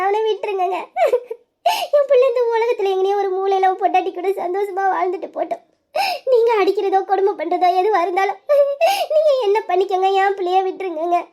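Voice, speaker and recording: A woman's voice: extremely high pitch, darkish tone. A woman voicing a middle-aged mother who pleads in tears and speaks deferentially to her husband. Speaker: wife and mother Lakshmi. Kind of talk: audio drama acting.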